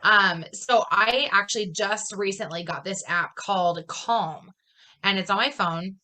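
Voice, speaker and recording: A podcast host, a woman with a medium-pitched, bright and forceful voice, chats casually at an unhurried pace. She explains things informally and tends to ramble.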